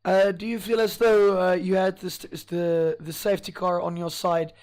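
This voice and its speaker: A man with a fairly high, wheezy, strained voice works as a live esports commentator, interviewing drivers after a race. He gropes his way through the questions with many halting pauses, his pitch barely moving and his tone slightly mellow.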